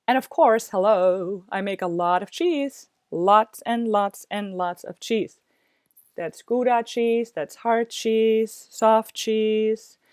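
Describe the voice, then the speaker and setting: A woman's voice: medium pitch, clean tone, no room sound, clean studio sound. A middle-aged woman who teaches cheese making, talking casually and with enthusiasm about her homestead. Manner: chatty and enthusiastic. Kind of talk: casual talk to camera.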